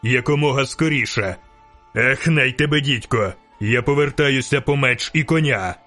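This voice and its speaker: A man doing a gruff, urgent monster hunter. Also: medium pitch, moderate pace, sharp tone, soft background music, lightly acted. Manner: urgent, curt, swearing. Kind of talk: audiobook character reading.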